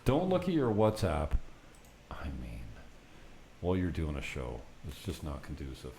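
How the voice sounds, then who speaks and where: Rumbling low with vocal fry, this mellow male talk show host swings hugely in pitch at a normal pace. Recording from an apartment set up for the purpose, he rambles unscripted through anecdotes, unfiltered and mildly profane, over noticeable background noise.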